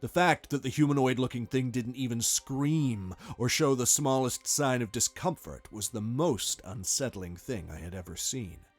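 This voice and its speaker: A man narrates a first-person horror story with tense, dramatic delivery at a middling pitch. Faint music plays quietly under his voice. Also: moderate pace, hardly any pauses.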